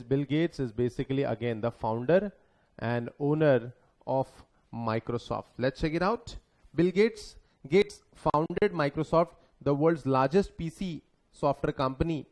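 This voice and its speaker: A young Indian man giving a relaxed classroom lecture that mixes Hindi and English, asking his students questions and answering them himself. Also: a little high. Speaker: exam lecturer.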